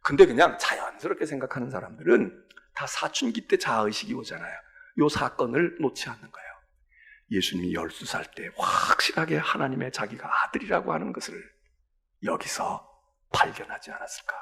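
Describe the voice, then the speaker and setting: Animated, gravelly-voiced male preacher. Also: mid-range voice, brisk. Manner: animated, acts out dialogue, rhetorical questions. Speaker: senior pastor. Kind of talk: sermon.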